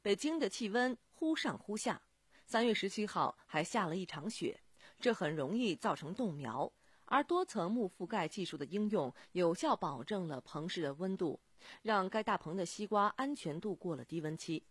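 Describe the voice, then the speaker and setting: A woman presenting local radio news in a scripted, lively newsreader delivery. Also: medium pitch, moderate pace, breathy edge, no echo.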